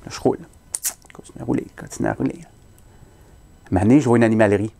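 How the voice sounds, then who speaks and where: A man's voice: mid-range voice, fairly even intonation, quick pace, gravelly, dark tone. A man with a Québécois French accent performing a comic story, self-mocking and punchline-driven.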